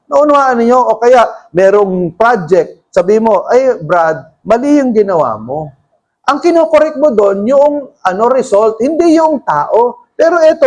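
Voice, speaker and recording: Man, Filipino accent, pastor, sermon, high voice, asks the congregation questions. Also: poor audio. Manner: mixes Tagalog and English, asks the congregation questions.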